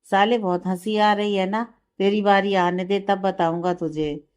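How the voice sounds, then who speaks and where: A woman's voice: medium pitch, fairly even intonation, unhurried, a little mellow, clear, resonant tone, natural voice. A woman doing a lovesick young man teasing his friend. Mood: irritated teasing. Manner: irritated, teasing.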